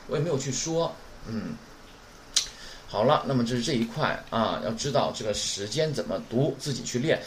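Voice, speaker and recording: A man teaching a recorded Japanese lesson. He keeps asking rhetorical questions and models pronunciation slowly and clearly. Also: mid-range voice. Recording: roomy with faint background noise.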